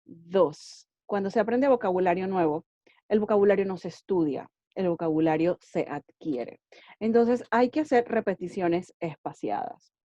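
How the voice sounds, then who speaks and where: Casual language-learning advice comes from a friendly woman English teacher who keeps asking "ok?" and mixes in English words. Her voice sits on the low side, expressive and mellow at a moderate pace, in a dull recording free of echo.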